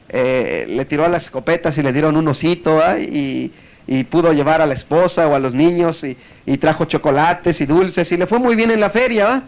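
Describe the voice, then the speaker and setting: A man preaching a sermon, telling a story and acting out echoes, often checking in with his listeners. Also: fairly high pitch. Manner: storytelling, acts out echoes, frequent tag questions.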